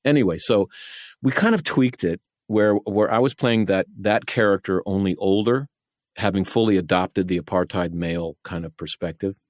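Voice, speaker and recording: Low-voiced man telling a story. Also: normal speed, no echo, studio quality. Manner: animated, self-mocking, laughs often, many restarts. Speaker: podcast co-host and actor. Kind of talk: casual storytelling chat.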